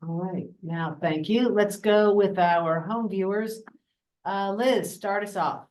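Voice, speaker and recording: A woman's voice: medium pitch, takes it slowly, a little mellow, a little hiss or hum, low-quality recording. A middle-aged woman, executive director, chairing a planning meeting in a meeting room with a joking, breezy manner.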